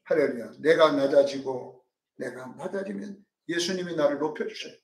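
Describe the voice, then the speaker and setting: A male pastor preaching a sermon, dramatic, swinging from loud calls to hushed asides and acting out quotes. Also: on the high side, normal speed, far from the mic. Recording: roomy sound from off-mic.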